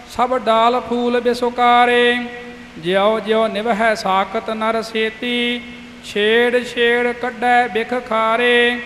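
A man reciting scripture in a slow, steady chant. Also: very high-pitched, echoey room, in a large hall, slight background noise.

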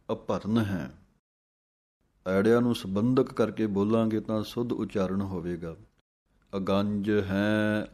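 A man teaching careful pronunciation for recitation. He chants each word slowly and evenly, then explains in a measured, instructive way. His voice sits low and stays flat in pitch. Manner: slow drawn-out recitation of words, then quick explanations. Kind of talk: pronunciation lesson.

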